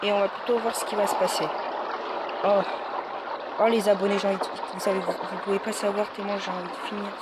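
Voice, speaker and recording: This man's high-pitched voice barely moves in pitch and comes at a quick pace as he, a gaming YouTuber, does let's play commentary on a horror game. Frightened and jittery, he yelps and mutters to himself, with loud background noise and hiss throughout.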